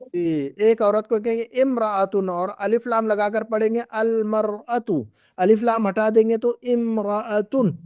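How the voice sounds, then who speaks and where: A man's voice: high voice, little pitch movement, normal speed, a little mellow, smooth, no room sound. A middle-aged man teaching an Arabic class, patiently repeating and drilling words with his students. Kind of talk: classroom lesson.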